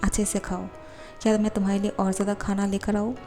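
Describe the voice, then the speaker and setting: A woman voicing a gentle young man who fusses kindly over a hungry guest, in a plain storytelling voice. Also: mid-range voice, flat delivery, fast, soft background music, natural voice. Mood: caring.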